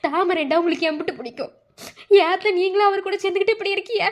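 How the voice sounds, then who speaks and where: A woman plays a worried middle-aged village mother in a cartoon, speaking with a Madurai accent. Her very high voice pleads and frets, close to tears. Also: very fast. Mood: pleading. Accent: Madurai Tamil. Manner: pleading, tearful. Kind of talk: cartoon voice acting.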